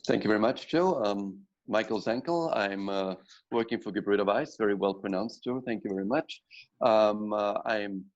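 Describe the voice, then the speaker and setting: A man's voice: on the low side, moderate pace. A man from Austria, introducing himself chattily with light humor on a webinar panel, over dull lo-fi call audio. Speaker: regional logistics director, panel guest.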